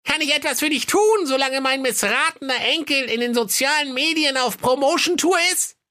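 A man playing the devil's shrill old grandmother. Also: normal speed, pushed and bright. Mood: sly. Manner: fussy, sweetly menacing. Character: shrill old she-devil grandmother, doting yet sly.

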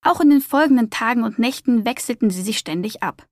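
A woman narrating a children's storybook in a calm, expressive reading voice. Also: a little high, a little fast, no echo, clean studio sound.

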